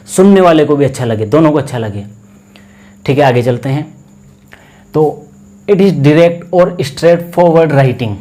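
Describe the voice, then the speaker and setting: A man with an Indian accent teaching an English class, explaining each point carefully and repeating key words as he reads the English slowly. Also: a little high, mellow. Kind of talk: classroom lecture.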